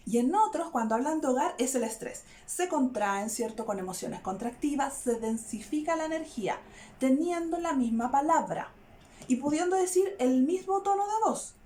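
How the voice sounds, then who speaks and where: A woman's voice: high voice, moderate pace. A woman, a therapist explaining an idea to her viewers in casual talk that is often broken up by "¿ya?". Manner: frequent "¿ya?" check-ins, animated and searching for words. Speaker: therapist and video host.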